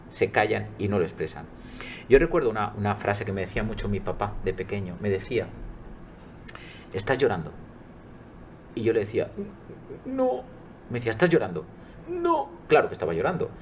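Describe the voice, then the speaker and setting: A man's voice: fairly low pitch, darkish tone, a little hiss or hum. A middle-aged man, a coach, answering interview questions earnestly and emphatically. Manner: earnest, emphatic, quotes his own dialogues.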